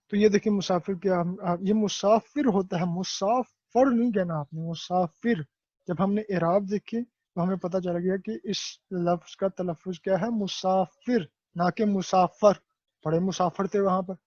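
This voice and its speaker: Man with pakistani urdu accent, teacher, high voice, repeats words to drill pronunciation, dull muffled sound. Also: dark tone, no room sound. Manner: asks and answers his own questions. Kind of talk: classroom lesson explaining a textbook exercise.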